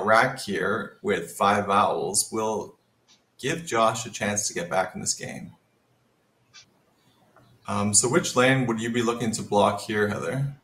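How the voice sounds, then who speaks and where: A man talks through a Scrabble position in an analytical, think-aloud way. His voice sits low. The sound carries a roomy echo. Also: a bit bright. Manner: analytical, thinks aloud while reading the board. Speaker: Scrabble commentator. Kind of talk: live game commentary.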